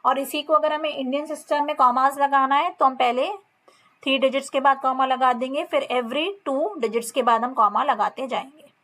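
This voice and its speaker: Indian woman, maths teacher, high voice, step-by-step lesson talk. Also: steady tone, fairly bright tone. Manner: reads textbook lines slowly, explains in mixed Hindi and English. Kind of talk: classroom lesson explanation.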